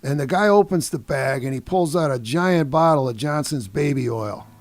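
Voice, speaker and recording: Raspy higher-voiced man telling wild stories. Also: moderate pace, no room sound. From Detroit area. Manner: animated, laughs often, peppers speech with "man" and "you know". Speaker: guest musician. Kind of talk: casual storytelling anecdote.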